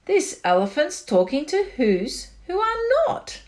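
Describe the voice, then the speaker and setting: A woman voicing a rowdy, mocking jungle monkey who shouts and jeers in a storybook. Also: high voice, big pitch swings, measured pace, voice pushed up. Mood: jeering. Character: jeering, rowdy jungle monkey brothers and gossips.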